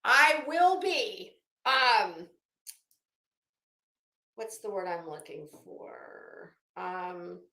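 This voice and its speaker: Hosting a casual livestream, a woman talks at a slow pace in a bright, forceful, medium-pitched voice with lively intonation, stretching out words and leaving long pauses. She rambles, interrupts herself while hunting for words, and quotes herself with dramatic emphasis, all in a roomy, echoing room.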